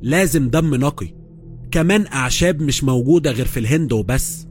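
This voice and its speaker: A woman's voice: rumbling low, brisk, darkish tone, faint music behind. A man voicing a worried young woman who is an expert in magic, with an Egyptian accent. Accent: Egyptian Arabic.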